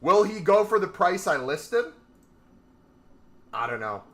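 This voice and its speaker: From his gaming chair in a small room, a young man streams about trading, chatting casually and easily with his viewers. His voice is high and a bit bright, moving through big pitch swings at a slow pace.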